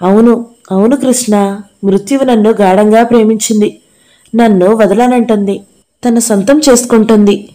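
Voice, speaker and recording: A woman reading the part of a gravely ill young woman dancer, speaking softly and with sorrow. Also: fairly high pitch, steady tone, moderate pace, natural voice. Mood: sorrowful.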